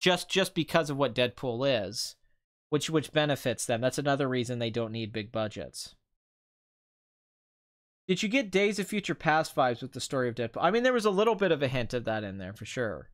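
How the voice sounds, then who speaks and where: His voice sits mid-range, swings widely in pitch and moves a little fast. He's a film commentator hosting a loose, rambling live stream, and two hours in, his voice has grown tired and somewhat strained.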